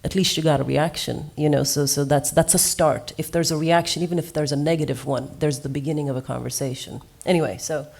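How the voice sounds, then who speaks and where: A woman's voice: deep voice, fairly even intonation, a little fast, creaky, few pauses, a little mellow. A woman from Norway, a musician on a seminar panel, telling her experiences in an earnest, reflective way.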